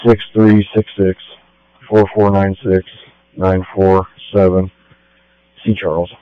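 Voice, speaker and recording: A deep-voiced man speaks over a police radio in a level, even tone. His delivery is clipped and procedural, and he spells out letters with the phonetic alphabet. The dull, dry transmission carries a faint mains hum. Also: slow pace, clear, resonant tone. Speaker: police officer. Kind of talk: radio call-in.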